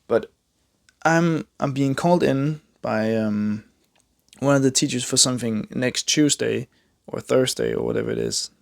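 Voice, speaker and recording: Unhurried and medium-pitched with vocal fry, a young man from Denmark chats casually during a drawing session, rambling in his Danish accent and making self-mocking jokes amid many fillers and restarts. He's an art vlogger, recorded in studio quality without echo.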